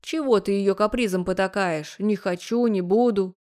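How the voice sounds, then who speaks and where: A woman with a mid-range, darkish voice, speaking at normal speed, does a lightly acted audiobook character voice. She portrays a loud, bossy, overbearing middle-aged woman who is domineering and indignant.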